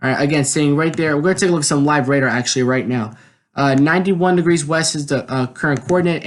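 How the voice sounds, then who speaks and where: Higher-pitched American man giving storm commentary. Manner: explanatory, often repeats check words like "all right". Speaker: live-stream weather commentator. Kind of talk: live hurricane commentary over maps and radar. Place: indoors at a computer, screen-share voice-over.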